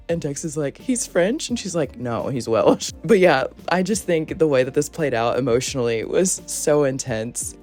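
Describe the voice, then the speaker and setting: Chatty young woman over soft music. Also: a bass voice. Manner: chatty, gushing, quotes characters in voices. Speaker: sketchbook vlogger. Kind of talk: casual voice-over chat. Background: soft background music.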